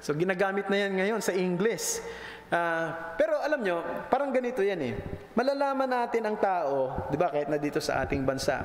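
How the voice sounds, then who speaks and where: High-voiced preacher in an echoey hall. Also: male voice. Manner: mixes Tagalog and English, rises and drops pitch for emphasis. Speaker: pastor. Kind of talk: sermon. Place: church sanctuary. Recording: echoey church hall with faint noise.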